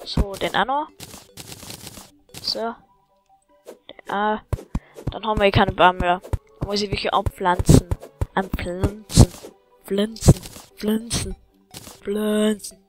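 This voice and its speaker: A woman gives excitable let's-play commentary, yelling at enemies and chatting with viewers while faint game music plays. Her voice is mid-range and unhurried, with long pauses, and the recording quality is low.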